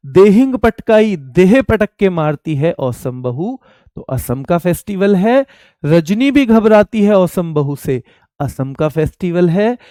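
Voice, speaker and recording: A male teacher giving an exam-prep lecture, telling a lively story with rural dialect words and repeating key terms to drill them. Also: on the high side, dry recording, studio quality.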